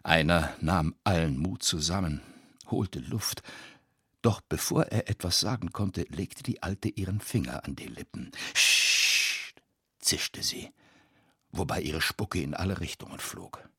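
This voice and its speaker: A man reading a dark story aloud in a measured, suspenseful narration with a husky voice. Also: sits low, lively intonation, dry recording, clean studio sound. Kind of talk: scripted audiobook narration.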